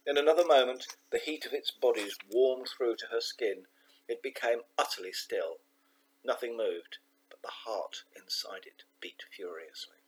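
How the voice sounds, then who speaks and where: A man reading a children's novel aloud, measured and expressive, slowing down for emphasis. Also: mid-range voice, a little hiss or hum, rough recording. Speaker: audiobook narrator. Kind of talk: scripted narration of a children's novel.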